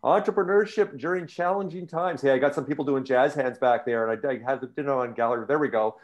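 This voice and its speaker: A man from Canada hosting a live virtual show from home, upbeat and chatty, his voice going a little hoarse. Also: medium pitch, fast talker, muffled recording. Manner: upbeat, chatty, jokes with audience. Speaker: host. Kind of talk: casual live show intro. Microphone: video call.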